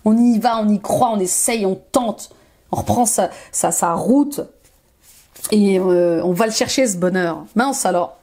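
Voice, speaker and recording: A woman's voice: medium pitch, measured pace, dark tone. A woman life coach reading tarot cards for her viewers, encouraging and repeating affirmations, with frequent fillers and bursts of enthusiasm. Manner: enthusiastic, exclaims often.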